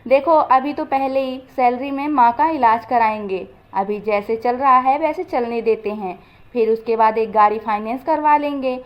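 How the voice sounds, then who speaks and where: Humble, hardworking young secretary, voiced by a woman narrator: soft, earnest delivery, high pitch, dull lo-fi recording. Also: moderate pace, close to an everyday voice. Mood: happy.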